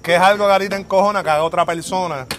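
Brisk high-voiced Puerto Rican host. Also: male voice, steady tone, a bit bright, faint music behind. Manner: rowdy, swears freely, steers topics. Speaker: podcast host. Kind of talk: casual group chat.

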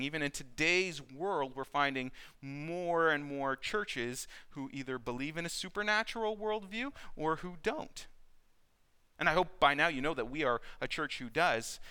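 A man's voice: fairly high pitch, sharp tone, smooth. A man pastor preaching a sermon, telling Bible stories vividly and picturing the scenes for his listeners. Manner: vivid storytelling, acting out scripture scenes.

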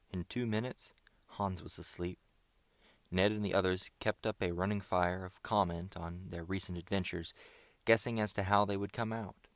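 Deep gravelly male narrator. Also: no echo. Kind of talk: audiobook narration.

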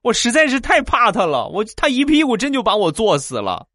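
A man's voice: extremely high pitch, huge pitch swings, fairly quick, background noise, pitched above the performer's own voice, full character voice. A man voicing a terrified, weeping young man who pleads in a panic in a comedy routine. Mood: panicked wailing.

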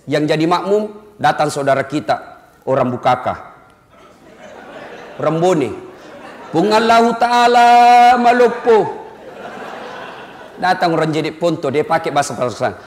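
A man preaching a humorous sermon, lively and jokey, swinging between loud and soft. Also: fairly high pitch, quick pace. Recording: echoey hall with long reverb.

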